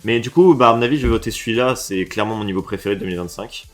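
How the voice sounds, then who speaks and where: A man from France giving casual reaction commentary on video game levels, swinging between low mutters and excited, swearing outbursts. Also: racing, faint music behind. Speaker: reaction streamer.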